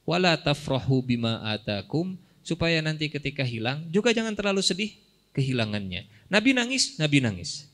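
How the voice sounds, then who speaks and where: A man, an Islamic preacher giving a chatty, humorous sermon and acting out the quotes he tells. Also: on the high side.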